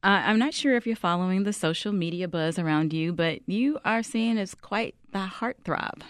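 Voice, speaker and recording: A woman's voice: medium pitch, normal speed, dry recording, clean studio sound. A woman hosting a conversational interview, asking questions and introducing topics to her guest.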